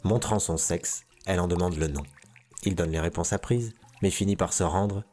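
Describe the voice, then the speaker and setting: A man narrating a tale in a measured, expressive reading. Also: low voice, faint music behind. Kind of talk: storybook reading.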